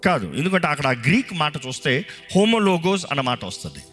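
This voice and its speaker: A man's voice: on the high side, big pitch swings, brisk, fairly bright tone, faint music behind. A male pastor with a Telugu accent preaching a sermon and leading the congregation in fervent, repeated prayer. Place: church hall.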